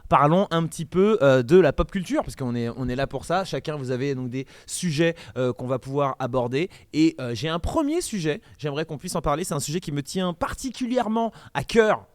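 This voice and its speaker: A man's voice: on the high side, expressive, a little fast, hardly any pauses, no echo. Enthusiastic man hosting a casual podcast. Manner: effusive, enthusiastic, informal. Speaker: podcast host.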